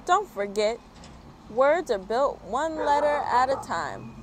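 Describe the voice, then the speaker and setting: A woman voicing a sweet, encouraging little yellow bird who teaches, in a singsong picture-book manner. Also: sits high, big pitch swings, slow pace, noisy background, pitched above the performer's own voice, heavily acted. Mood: cheerful farewell.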